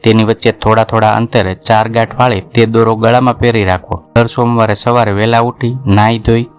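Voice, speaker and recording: A man narrating a devotional story in a calm, steady reading voice. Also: lowish voice, brisk, clean tone, faint music behind.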